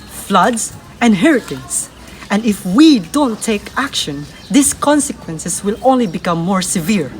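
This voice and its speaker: Lively woman giving a scripted talk. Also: medium pitch, a little hiss or hum. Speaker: presenter.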